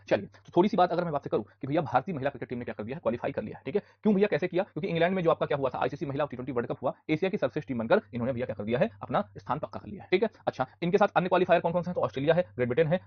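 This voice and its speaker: A man runs a live online class and drills facts at a rapid clip. He keeps asking rhetorical questions and repeating the answers. His voice is husky and a little high, and the dry recording sounds muffled. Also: dry recording. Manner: scolds students loudly at times. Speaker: online exam-prep teacher.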